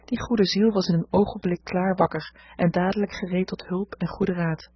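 Husky woman reading a storybook. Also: fairly low pitch, moderate pace, no echo. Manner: steady, even reading. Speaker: audiobook reader. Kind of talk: scripted narration. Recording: dull lo-fi recording.

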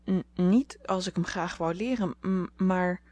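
A woman's voice: on the low side, fairly quick, darkish tone, close to an everyday voice. A flustered, timid young girl speaks shyly, stumbling over her words, as a woman reading a storybook aloud voices her. Her voice rises a little above the reader's own. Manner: stammering, shy.

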